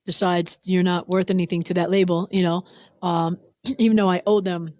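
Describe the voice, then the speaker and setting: A woman's voice: fairly low pitch, flat delivery, normal speed, a little mellow, dry recording. A woman guest on a radio show, talking loosely with lots of "you know" and "like". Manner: loose, filler-heavy, says "you know" and "man". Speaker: singer-songwriter guest. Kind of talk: casual interview chat. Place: radio booth.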